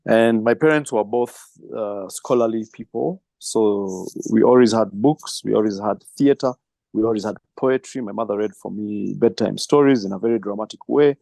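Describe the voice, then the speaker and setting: A middle-aged man answering interview questions, reflective and storytelling, with soft laughs. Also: fairly low pitch, normal speed, creaky, no echo. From Kenya. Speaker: filmmaker and film trainer.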